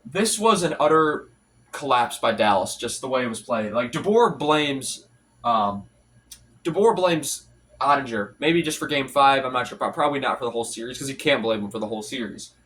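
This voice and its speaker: Hosting a hockey commentary channel, a young man delivers a casual solo recap, rattling off stats amid frequent restarts and fillers. Allergies have made his voice congested and stuffy. He sounds animated, mid-range and fairly bright at a normal speed, recorded on a distant mic.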